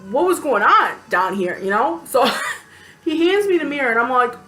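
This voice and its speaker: Chatty animated woman vlogger, slightly high. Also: normal speed, a little hiss or hum. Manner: animated, chatty, lots of fillers and acted-out quotes; blunt, exasperated venting. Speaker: vlogger telling a personal story. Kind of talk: casual storytelling to camera.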